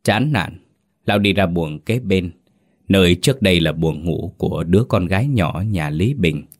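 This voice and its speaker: A man with a very low voice narrates a folk ghost story. He reads slowly and steadily, in a measured storyteller's delivery. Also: expressive.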